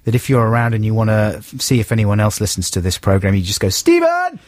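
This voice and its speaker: Guy on radio, low voice, rambly, jokes about himself, dead dry studio mic. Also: fairly even intonation, quick pace, darkish tone, no echo. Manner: rambling, self-mocking. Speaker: radio co-host. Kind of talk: casual radio chat.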